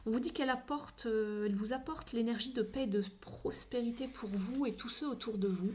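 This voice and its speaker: A woman talks through a tarot reading in a relaxed, chatty way, pausing often with little fillers. Her voice sits a touch high. Now and then she drops to a soft, breathy near-whisper for an aside. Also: slight background noise. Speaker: tarot reader. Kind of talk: casual spoken tarot reading.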